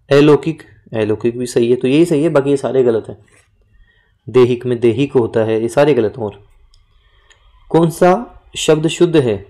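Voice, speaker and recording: A man with a mellow, dark-toned voice works through exam questions as a teacher. He repeats each word slowly and spells it out so students remember it. His delivery is steady and instructive. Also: medium pitch. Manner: explains and repeats words, drills spelling points. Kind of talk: exam-prep lesson.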